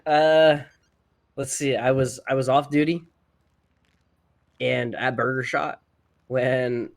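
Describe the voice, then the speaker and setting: A man's voice: medium pitch, steady tone, slow pace, vocal fry. A man playing a witness in a roleplay courtroom, telling his story in a rambling way with lots of fillers and restarts. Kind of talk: casual roleplay testimony.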